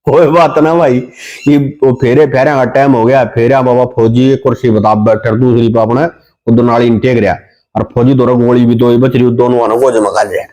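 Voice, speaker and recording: A man's voice: mid-range voice, steady tone, moderate pace, a little mellow, rough recording. Haryanvi man telling village jokes. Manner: dialect storytelling with sing-song quoted voices. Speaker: comedian.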